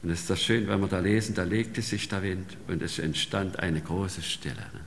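Gravelly preacher man in a hall. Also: deep voice, normal speed, slight background noise. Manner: conversational, often tags sentences with "ne?". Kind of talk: sermon. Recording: long reverb in a large hall.

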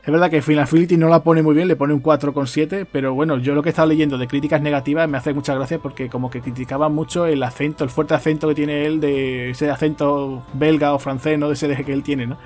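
A man's voice: on the high side, fairly even intonation, fast, hardly any pauses, darkish tone, soft background music. A man co-hosting a casual film podcast, chatty and conversational, often tagging his sentences with a questioning aside. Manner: chatty, tags phrases with "¿no?". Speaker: podcast co-host.

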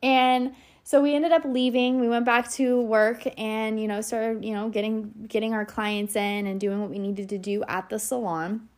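A woman's voice: fairly high pitch, a little mellow. A woman working at a salon, telling a story to her viewers in a chatty vlog, with many fillers and asides. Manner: chatty, fast, with many "like" and "you know" fillers; talks straight to viewers. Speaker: salon worker.

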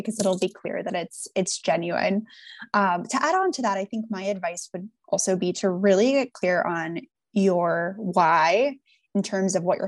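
A woman's voice: lowish voice, no echo. A woman on a panel giving thoughtful, earnest advice in a conversational style.

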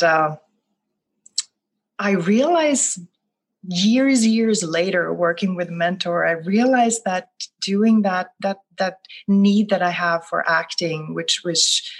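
A middle-aged Swedish life coach, Swedish being her first language, reflects on her path in an interview answer. Her voice is lowish and slow, soft-spoken and thoughtful, with many restarts.

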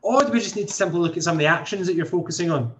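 A man's voice: on the high side, rapid-fire, slight background noise. A man, hosting a motivational podcast in an earnest way, thinking aloud with many restarts. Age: 20s. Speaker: podcast host and coach. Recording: dull lo-fi sound.

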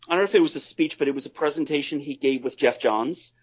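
A man talking casually as a podcast guest, halting and deliberate as he discusses films. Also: a little high, slightly rough. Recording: slightly dull, compressed audio.

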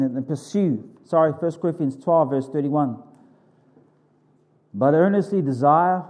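A man's voice: on the high side, dark tone. A man preaching a sermon to a congregation in an informal, conversational way, repeating phrases for emphasis.

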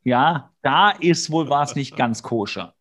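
A man from Hesse, Germany, co-hosts a podcast and gives a relaxed, joking recap of an episode, dropping wry asides and little impressions. His voice sits at medium pitch with a fairly bright tone, and he speaks slowly but animatedly.

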